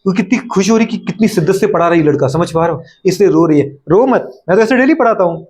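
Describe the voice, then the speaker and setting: A man with a Hindi accent teaching biology in a high, light voice. He keeps firing questions at the class and answering them himself, with playful teasing along the way. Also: animated, quick pace, a little mellow. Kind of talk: classroom lecture.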